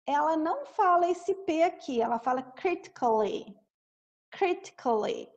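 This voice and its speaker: A woman teaching English through a song, explaining in Portuguese and slowly repeating English words and lyrics. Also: very high voice, lively intonation, muffled recording. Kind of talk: song-based English lesson.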